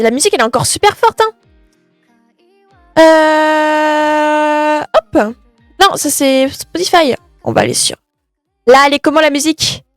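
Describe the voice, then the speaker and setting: Very high-voiced chatty woman streamer. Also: no echo. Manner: chatty, greets viewers by name, scattered self-corrections. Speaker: gaming streamer. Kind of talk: live stream chat with viewers. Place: her bedroom. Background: faint music.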